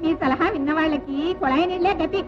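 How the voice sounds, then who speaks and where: Woman playing a sharp-tongued domineering mother-in-law. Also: high voice, quick pace, close to an everyday voice. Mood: scolding. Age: middle-aged. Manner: scolding, sarcastic. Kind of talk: old film dialogue. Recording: dull old film soundtrack with music.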